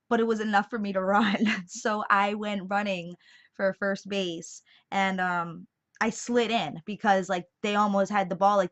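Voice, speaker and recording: A young woman vlogger casually telling a personal story in a chatty, animated way, full of fillers. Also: on the low side. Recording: dull lo-fi sound.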